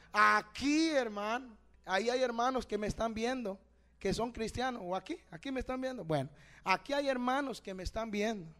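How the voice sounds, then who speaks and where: High-pitched guy preaching hard, goes loud then hushed, keeps saying brother and asking questions. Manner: fervent, swinging between loud exhortation and hushed storytelling; addresses listeners as brother, asks rhetorical questions. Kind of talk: evangelical sermon.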